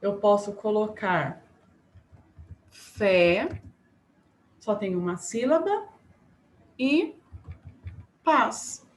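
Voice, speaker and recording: A woman teacher giving a remote class to young pupils, slow and patient, spelling words out syllable by syllable. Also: medium pitch, very animated. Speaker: primary school teacher. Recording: echoey room, faint background noise.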